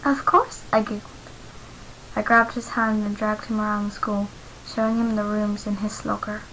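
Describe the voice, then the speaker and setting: Woman reading fanfiction in a flat voice. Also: medium pitch, moderate pace, slight background noise, low-quality recording. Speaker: fanfiction reader. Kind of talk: amateur story reading.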